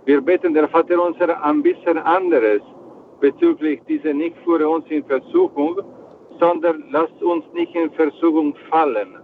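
A man from Italy with an Italian accent calls in and asks the priest his question in halting German. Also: fairly high pitch, animated. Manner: halting, simple phrasing. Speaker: caller. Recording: tinny phone line with faint noise.

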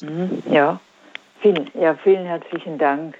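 An older woman calling in to a radio show, asking her question hesitantly and haltingly over the phone. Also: deep voice, steady tone, a little mellow, slight background noise. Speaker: caller. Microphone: telephone. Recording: tinny phone line.

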